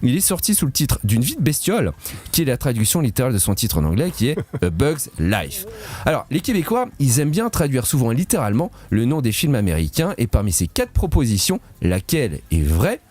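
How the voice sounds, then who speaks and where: A man's voice: mid-range voice, huge pitch swings, a little fast, a little mellow. A man from Switzerland, presenting a playful, punning radio quiz segment in a studio. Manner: playful, punning, laughs at his own jokes.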